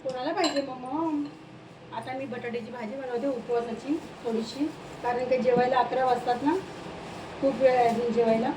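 Home vlogger, woman with a high voice, chatty and homely, phone-filmed with clear household noise behind. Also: fairly even intonation, moderate pace, reverberant, recorded from a distance. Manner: chatty, talks sweetly to her pets. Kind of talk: casual home vlog chat. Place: home kitchen. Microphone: phone camera, self-filmed. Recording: noisy home phone recording.

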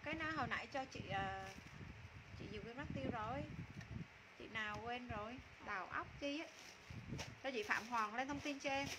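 A high-pitched woman hosts a live sale from a small room. She talks in repetitive, informal sales patter, naming prices and calling on buyers. Clear background noise sits behind her voice on the phone microphone. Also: moderate pace, long pauses. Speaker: live-stream clothing seller. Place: small indoor room with curtains.

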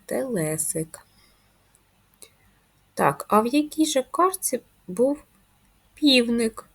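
A woman teacher leads a first-grade reading lesson at a slow, patient pace. Her voice is slightly low and breathy. She coaxes answers with questions and breaks words into sounds and syllables. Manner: coaxing questions to children.

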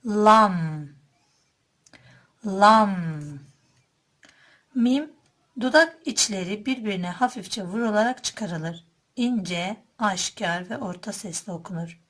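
A woman teaching how to pronounce Arabic letters, explaining each sound calmly and repeating every letter twice, loud and drawn out. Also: mid-range voice, moderate pace. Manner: calm explanatory tone, addresses listeners as dear friends. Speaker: Quran reading teacher. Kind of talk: slow, deliberate lesson on letter sounds.

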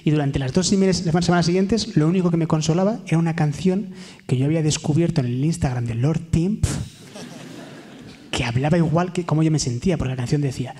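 A young man performing a live stand-up monologue, telling stories with hushed whispers and sudden loud bits. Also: on the high side, fast. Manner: storytelling, swings between hushed whispers and loud sung bits. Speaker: stand-up comedian. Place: theater stage before a live audience.

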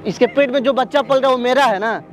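A man's voice: very high voice, fast talker. A young man playing an angry bystander in a park who keeps questioning another man and grills him in a confrontational way. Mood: confronting. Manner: confrontational, repeats pointed questions. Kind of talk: staged street drama. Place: outdoor park.

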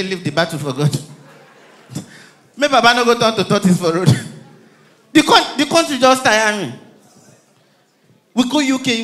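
A Nigerian man working a live comedy stage on a handheld mic, telling stories in lively fashion and acting out everyone in them. His voice sits high, with a bright, sharp edge. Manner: lively storytelling, acting out characters. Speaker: stand-up comedian. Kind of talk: stand-up comedy routine.

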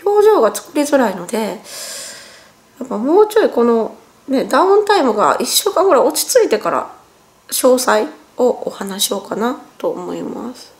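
A Japanese woman in her 40s chats casually in a home vlog from indoors, her slightly high voice very animated at a normal speed. Recovering from nose surgery, she sounds a little sluggish and strained, winces in pain as she talks, and corrects herself along the way.

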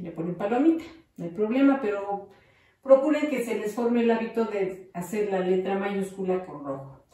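A woman's voice: medium pitch, dark tone, far from the mic. A woman teaching young children in a patient, encouraging way, dictating words and drawing them out. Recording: very echoey room, voice off-mic.

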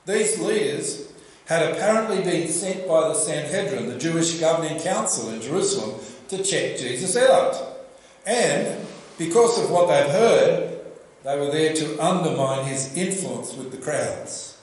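An older Australian man preaching a sermon at a church lectern, telling the story in a lively way and asking the congregation questions. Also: a little high, measured pace. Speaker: pastor. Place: church hall with projection screen. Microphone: lectern microphone. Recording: very echoey church room.

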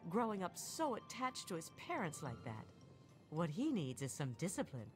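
An actress playing a prim, polite, gossipy suburban American housewife in a video game. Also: female voice, fairly low pitch, very animated, normal speed, darkish tone, faint music behind. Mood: disapproving. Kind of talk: scripted video game dialogue.

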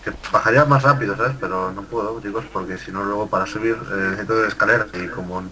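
Fast-talking swearing man gaming. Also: on the low side, steady tone, noisy background. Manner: swears a lot, rambling and jokey. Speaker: gamer co-host. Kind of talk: casual gameplay commentary.

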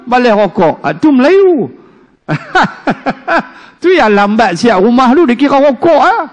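A male religious teacher, giving an animated, joking storytelling lecture in a mosque. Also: very high-pitched. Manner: animated storyteller, jokes, acts out quoted speech. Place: mosque hall. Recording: reverberant mosque hall.

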